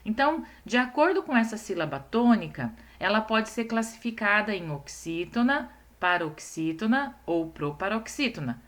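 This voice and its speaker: Patient teacher, stretching out syllables slowly. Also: female voice, medium pitch, very animated. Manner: patient, slows down to stress syllables, asks "certo?" often. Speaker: primary school teacher. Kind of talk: recorded class lesson for children.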